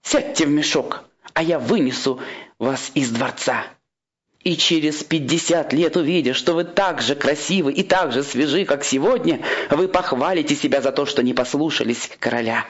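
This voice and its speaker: A man's voice: fairly high pitch, normal speed, pitched above the performer's own voice, lightly acted. A cunning storybook trickster in a monk's disguise, coaxing and coolly ironic, played by a male reader in a raised voice that drawls out key words. The recording sounds slightly muffled. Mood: persuasive. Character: sly disguised monk, a cunning little grey man.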